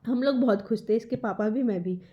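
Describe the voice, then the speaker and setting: A young woman telling a personal story in a vlog, emotional and halting, often restarting her words. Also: a little high, muffled recording. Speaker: vlogger.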